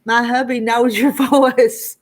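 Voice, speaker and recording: A woman in her sixties, from the Arkansas Ozarks foothills in the United States, speaks with a fairly high, flat voice at a slow pace. She has a rural Southern Ozark country accent and hosts a livestream, chatting casually with viewers in a folksy, rambling, homespun way.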